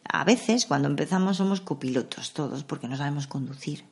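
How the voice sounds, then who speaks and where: A woman with a low, soft voice talks through meditation practices in a relaxed podcast monologue. She speaks calmly and conversationally, explaining each practice gently. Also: a little fast, creaky. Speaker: podcast host.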